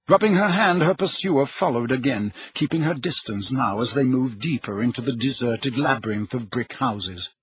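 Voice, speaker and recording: A man narrating an audiobook in a measured, dramatic storytelling manner with a husky voice. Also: medium pitch. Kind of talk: scripted narration. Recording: dull lo-fi recording.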